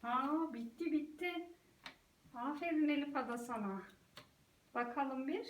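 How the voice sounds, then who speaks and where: Speaking at a measured pace in a high-pitched voice, this mother steers her little one through play with brief words of encouragement while chatting casually to viewers. A distant mic gives a roomy sound, and background noise is clearly audible.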